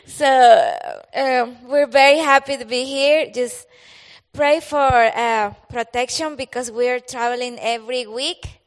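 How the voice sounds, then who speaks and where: A woman's voice: high-pitched, fairly even intonation, slow. A Salvadoran woman, a native Spanish speaker, introducing herself as a missionary to a congregation, shy and giggly. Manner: shy, giggly, laughs between phrases. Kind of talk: church missions presentation. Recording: echoey hall with long reverb.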